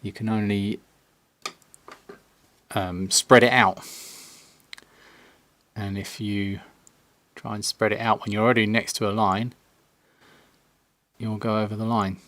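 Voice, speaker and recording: Casting: man, lower pitch, dry close mic, relaxed self-mocking live-stream chat from a home workshop. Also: takes it slowly, pauses often, no room sound. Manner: chatty, self-mocking, drops to near-whisper while concentrating. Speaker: maker streaming a pinball build. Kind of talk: casual live-stream chat while painting. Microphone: separate desk mic, not on camera.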